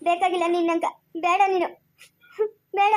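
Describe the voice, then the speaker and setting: A woman's voice: very high voice, level tone, moderate pace. A woman playing a harsh village mother who scolds her young son with repeated questions, in a family drama. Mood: scolding. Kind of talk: amateur family drama acting.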